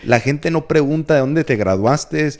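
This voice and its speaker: A man's voice: on the high side, measured pace. A man hosting a conversational podcast as a youth pastor, speaking in an earnest, reflective way with frequent restarts.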